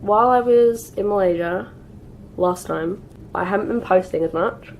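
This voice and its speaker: In this low-quality clip with a slight hiss or hum, a UK beauty vlogger in her twenties chats her way through a makeup routine as she gets over a cold. Her mid-range voice is a little mellow and moves at a moderate pace, peppered with plenty of "like" and "um" in this get-ready-with-me talk.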